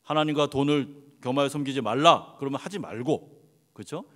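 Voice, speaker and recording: A male pastor preaching a sermon with lively swings from hushed asides to loud acted-out dialogue. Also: medium pitch, fairly quick, in a large hall. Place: church sanctuary.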